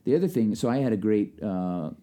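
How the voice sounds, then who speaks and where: A man, a pastor co-hosting a podcast, talking in a lively, conversational way with frequent restarts. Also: on the low side, brisk. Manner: lively, talkative, restarts and acts out quotes. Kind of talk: casual podcast chat.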